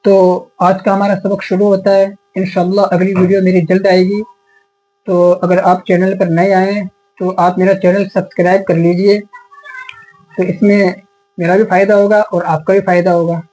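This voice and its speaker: A man teaching a beginner's lesson on Arabic letters, sounding each letter slowly and repeating it patiently. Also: high-pitched, little pitch movement, a little mellow, slight background noise, low-quality recording. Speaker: Quran teacher. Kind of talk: step-by-step alphabet lesson.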